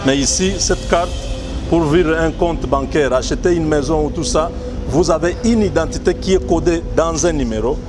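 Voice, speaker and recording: A man's voice: a little high, moderate pace. A man in his forties from the Congo, speaking emphatically and repeating his points in a street interview outdoors. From Congo (DRC). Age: 40s. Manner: emphatic, repetitive, patriotic speech-making. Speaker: citizen interviewed on new ID card. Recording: music bed under the voice.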